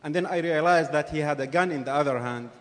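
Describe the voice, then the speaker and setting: Earnest man testifying in a reverberant hall. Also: fairly high pitch. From Jordan. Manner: earnest, halting with repeated words. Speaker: witness giving testimony. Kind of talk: formal public testimony. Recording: reverberant hearing room.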